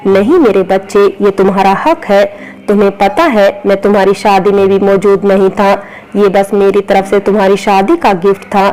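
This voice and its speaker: Lady reading a doting old dad-in-law, warm but stern, storybook style. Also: mid-range voice, steady tone, normal speed, faint music behind, close to an everyday voice, poor audio. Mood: fond. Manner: warm, scolding. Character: affectionate, stern elderly father-in-law.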